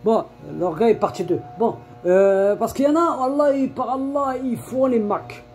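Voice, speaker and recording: Man, mid-range and mellow, casual preacher: rambling, repetitive, streetwise scolding, Arabic phrases, faint music under. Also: extremely high pitch, a little slow. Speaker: preacher giving an online religious reminder. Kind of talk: informal spoken religious reminder.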